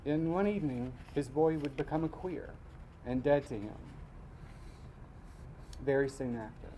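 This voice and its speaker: A man from Mississippi, reading his personal essay aloud at a live event in a measured, wry way. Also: mid-range voice, dark tone, slight background noise, poor audio. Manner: measured storytelling, wry asides.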